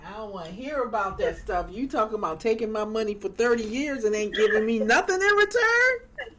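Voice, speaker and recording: A woman's voice: a little high, very animated, a little fast, background noise. A woman hosting a morning show interview, chatting casually in a folksy, colloquial way.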